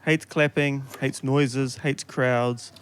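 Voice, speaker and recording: A man's voice: medium pitch, fairly even intonation, slow, slight background noise. A man hosting a casual podcast chat, laid-back and joking, swearing freely. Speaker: podcast host.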